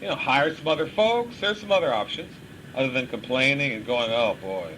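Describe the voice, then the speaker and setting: Animated man teaching scripture. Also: medium pitch, fairly quick, slight background noise, low-quality recording. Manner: lively, chuckling, acts out complaining voices. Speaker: couples class teacher. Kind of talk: live Bible teaching to a small group.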